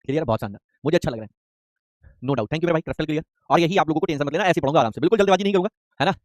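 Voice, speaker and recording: A man teaching a chemistry class online, talking fast and repeating key words while constantly quizzing his students. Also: a little high, no echo, clean studio sound. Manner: rapid, repetitive, quizzing students with call-and-response questions. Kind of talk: live online class lecture.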